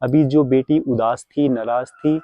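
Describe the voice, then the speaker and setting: A man's voice: medium pitch, steady tone, a little slow, dry recording. A man, talking casually to camera as a vlogger and father, lecturing viewers on keeping traditions. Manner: preachy, advising viewers on tradition. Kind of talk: casual vlog talk to camera. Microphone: phone camera. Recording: dry, slightly dull sound.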